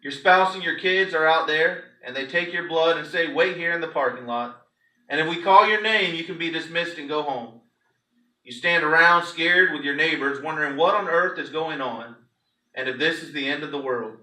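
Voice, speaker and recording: In a fairly high voice that is bright and forceful, a pastor reads a story to his congregation with emphatic, theatrical drama, keeping to a normal speed. Echo fills the room, and the mic is placed far away.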